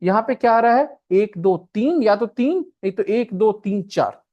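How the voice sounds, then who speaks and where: A man's voice: high-pitched, animated, a little slow, highs cut off. Male classroom teacher walking students through a puzzle, checking in constantly. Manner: checks with students again and again, mixing Hindi and English. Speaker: coaching teacher. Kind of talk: classroom lecture on a reasoning puzzle.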